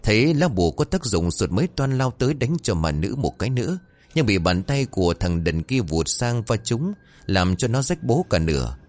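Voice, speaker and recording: A man narrating a comic ghost story in a lively, animated way. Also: lowish voice, normal speed.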